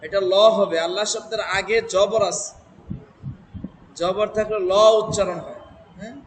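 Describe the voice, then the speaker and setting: A man teaching Quran reading, chanting verses slowly and then explaining them letter by letter while quizzing students and having them repeat. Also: high-pitched, fairly even intonation, a little hiss or hum. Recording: echoey hall with long reverb.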